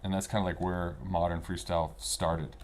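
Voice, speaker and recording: The speaker is a snowboarding veteran around fifty, a guest paging through a book as he tells stories. His low voice barely moves in pitch and keeps a moderate pace, and his storytelling is casual, loose and full of slang.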